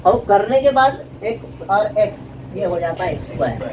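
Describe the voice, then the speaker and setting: A man's voice: high voice, lively intonation, normal speed, distant mic. Male math teacher, patient and questioning, off-mic, traffic noise behind. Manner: explains patiently, often asking the class questions. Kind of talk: classroom lesson.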